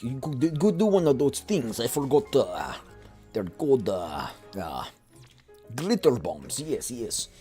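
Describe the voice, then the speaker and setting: A man's voice: mid-range voice, very animated, measured pace, dark tone, breathy edge, soft background music. A young man streaming games, chatting casually and rambling with many fillers. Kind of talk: casual gaming chat.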